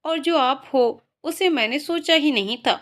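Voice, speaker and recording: A woman's voice: high-pitched, a little slow, fairly bright tone. A woman voicing a mischievous, anxious young village girl in a storybook reading. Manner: pleading, flustered.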